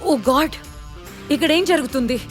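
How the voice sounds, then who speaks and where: A woman's voice: unhurried, soft background music, natural voice. A woman voicing an arrogant, cowardly foreign businessman villain who sneers and turns panicky in a storybook audio drama. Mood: panicked threats. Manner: sneering, then shrill and panicky when threatened.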